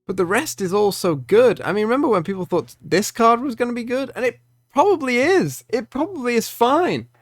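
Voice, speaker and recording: A man delivering an unscripted commentary rant, exasperated and incredulous, moving between measured explanation and worked-up emphasis. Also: very high voice, expressive, dry recording, studio quality. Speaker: video creator ranting about card game balance.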